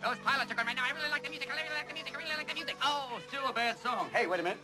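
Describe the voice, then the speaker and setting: An actor playing a radio DJ who fires off manic, wisecracking patter into a studio microphone with loud bursts. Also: male voice, very high voice, fast talker, loud music behind the voice.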